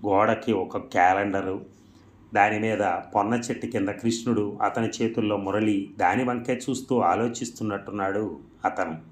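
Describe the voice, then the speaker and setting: A man reading a story aloud in a measured, reflective way. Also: lowish voice, fairly even intonation. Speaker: narrator. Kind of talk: storybook narration.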